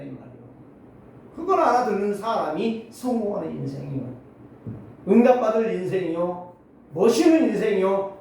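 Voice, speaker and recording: A man in his sixties preaches to his congregation with a high, restless voice that leaps between loud exclaims and murmured asides. The sound rings through a very echoey sanctuary, picked up from some distance. A faint hum of room ambience sits underneath. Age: 60s. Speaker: pastor. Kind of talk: sermon. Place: church sanctuary. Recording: very echoey hall, mic at a distance.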